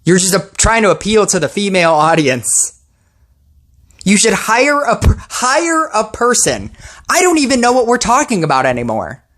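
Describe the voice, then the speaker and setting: A woman's voice: medium pitch, sing-song, normal speed, a bit bright. A woman posting a ranting commentary video about a mobile game, sarcastic and exasperated.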